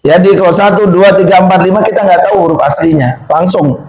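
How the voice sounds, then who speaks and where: A man's voice: sits high, brisk, crowd noise. A man teaching Quran recitation to a class in with a lilt, patiently quizzing students and drilling letter sounds. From Indonesia. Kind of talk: classroom tajwid lesson. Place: classroom or mosque hall with a group of students. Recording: echoey room with murmuring group.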